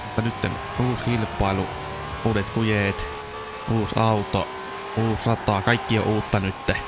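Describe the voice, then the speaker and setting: A man's voice: on the low side, very noisy. A man giving casual commentary over a racing game, exclaiming at near misses, his voice a little strained from a dry mouth. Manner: excited yelps at near misses. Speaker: gaming video host.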